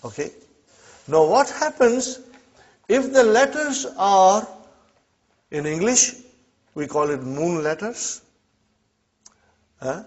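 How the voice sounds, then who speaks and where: A man's voice: high-pitched, expressive, slow pace, pauses often. A man who is not a native Arabic speaker, teaching an Arabic class and checking in often with his students. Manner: checks in often with "huh?" and "okay?". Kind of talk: classroom lesson. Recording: dull lo-fi classroom recording.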